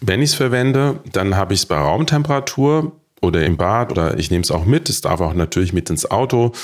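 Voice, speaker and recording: A man's voice: sits low, animated, brisk. Ein Arzt erklärt ruhig und sachlich, wie man Insulin spritzt und lagert. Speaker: diabetes doctor. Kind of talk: explaining to camera.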